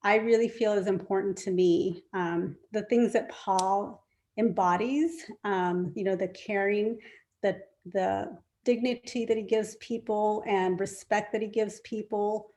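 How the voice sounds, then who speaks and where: A woman's voice: mid-range voice, fairly even intonation, a little slow, a little mellow. A woman, the incoming community development director, speaking earnestly at a meeting with many fillers and restarts. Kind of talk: informal remarks at a meeting.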